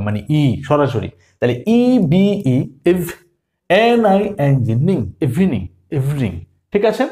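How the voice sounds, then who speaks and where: A man teaches a phonics lesson in a fairly high voice. He keeps asking his students questions and answering them himself. He spells each word out one sound at a time. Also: darkish tone. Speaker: English teacher.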